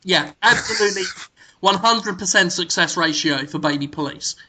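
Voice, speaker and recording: A man co-hosting a comedy podcast, laying out a ridiculous plan in a deadpan, mock-serious way, with plenty of ums and uhs. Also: sits high, moderate pace, background noise. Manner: frequent filler ums and uhs. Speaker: podcast co-host.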